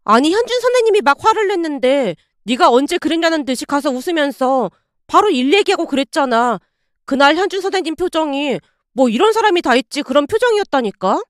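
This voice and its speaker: A woman's voice: high-pitched, very animated, fairly quick, no room sound, clean studio sound. A woman voicing a chatty female nurse colleague who passes on gossip in a knowing, confiding tone. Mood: teasing.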